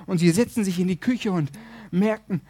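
A preacher man with a high voice delivers his sermon to the congregation. He tells stories vividly and acts out the characters' voices. The recording is dry and close, with little sound from the room. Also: fast, slightly rough, dry recording. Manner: lively storyteller, acts out voices. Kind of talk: sermon with storytelling.

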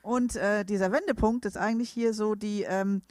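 A woman renders a preacher's words phrase by phrase, often hesitating and correcting herself. Her voice is mid-pitched and recorded dry and close. Scripture passages come out more steady. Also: moderate pace, dry recording. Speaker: interpreter. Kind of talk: live sermon interpreting.

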